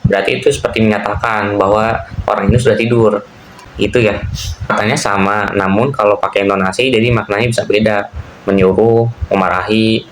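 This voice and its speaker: A young man with a lowish voice walks through a class presentation in a loose, explanatory way, dropping filler words and restarting phrases. The recording has a roomy echo and a faint hiss behind it. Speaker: university student presenting. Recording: echoey room with faint hiss.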